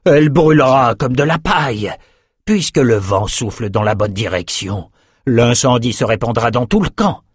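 A man's voice: medium pitch, lively intonation, a little slow, husky, dry recording, clean studio sound. A man reading an audiobook, voicing a proud, protective old male wizard with urgent, commanding outbursts. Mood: eager. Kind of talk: audiobook character voice.

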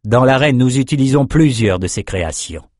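A man voices a gruff beast-trainer chief, grumbling, in an expressive mid-range voice at a moderate pace. The tone is darkish and pitched above his natural voice yet close to everyday speech, recorded dry with clean studio sound.

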